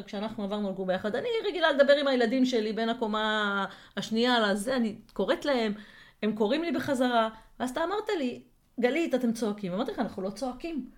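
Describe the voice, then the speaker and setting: A woman co-hosting a casual podcast discussion, reflective and full of hesitations and worked examples. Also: fairly high pitch. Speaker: co-host.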